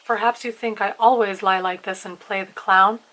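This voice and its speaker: A woman doing an older clownish man who gushes flattery in an emotional, taunting way, voiced in a bright, forceful tone for a storybook reading. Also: medium pitch, normal speed, close to an everyday voice, low-quality recording. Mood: flattering. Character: older male buffoonish landowner, mocking.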